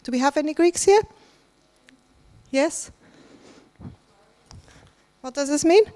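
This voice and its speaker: A German woman hosts a conference from the stage of a large hall, chatting with the audience and laughing often. Her voice is high and mellow, and she speaks at a slow pace.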